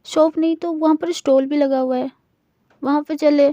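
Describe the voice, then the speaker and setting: A woman's voice: high voice, fairly even intonation, moderate pace, dark tone, no room sound, dull audio, natural voice. A woman doing a pushy young suitor. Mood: coaxing. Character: persistent young man chasing a girl.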